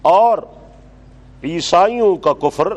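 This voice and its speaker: A religious teacher, lecturing a class, repeating phrases slowly for dictation and scolding students brusquely. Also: male voice, sits high, expressive, darkish tone. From Pakistan.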